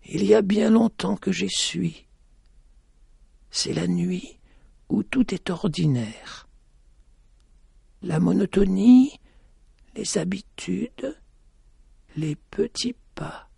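A man voicing a weary, mysterious blind woman of the mountain in a radio story. He speaks softly and slowly, sighing and dropping into whispers. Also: high-pitched, gravelly, breathy edge, no echo, studio quality, voice pushed up, exaggerated voice. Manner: soft, slow, sighing delivery that drops to whispers.

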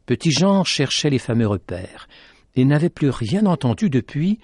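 A man hosting a radio program, reading a story aloud in a measured, dramatic way. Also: medium pitch, big pitch swings, a little mellow, dry recording, clean studio sound. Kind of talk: scripted story narration.

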